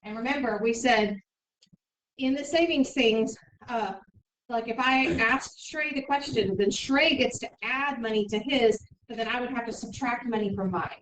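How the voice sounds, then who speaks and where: A woman teaching a middle school math class, briskly explaining steps and checking in with "okay?" often. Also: on the high side. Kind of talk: classroom instruction. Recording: echoey room, mic far off, faint noise.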